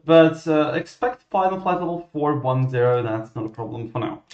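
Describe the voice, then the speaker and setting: A man working as a ground controller, giving clearances and commentary in a halting, self-correcting way. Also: on the high side, lively intonation, darkish tone. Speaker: virtual air traffic ground controller. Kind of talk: radio clearances and explanatory commentary. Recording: muffled, roomy microphone sound.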